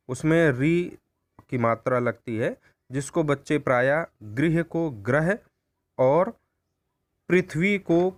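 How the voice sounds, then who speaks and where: A man teaching a recorded lesson on pronunciation, speaking deliberately and repeating points to rephrase them. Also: mid-range voice. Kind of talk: recorded Hindi grammar lesson.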